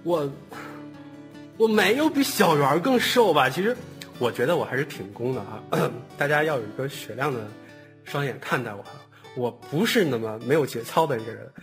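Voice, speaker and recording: At a relaxed online cast chat, a voice actor talks at normal speed in a medium-pitched, fairly bright and expressive voice. He hesitates and repeats himself, later moving on to reading questions, with music running in the background.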